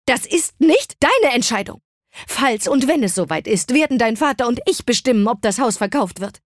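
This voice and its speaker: A woman's voice: a little high, animated, fairly quick, no room sound, clean studio sound, voice pushed up. A woman voicing a frantic middle-aged mother who shrieks with indignation in an audiobook. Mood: furious.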